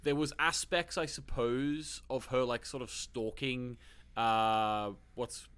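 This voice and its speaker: A man co-hosting a casual movie podcast in a mid-pitched voice. He talks eagerly, circling back and repeating himself, and laughs easily. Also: steady tone, slow, fairly bright tone, clear, resonant tone. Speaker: podcast co-host.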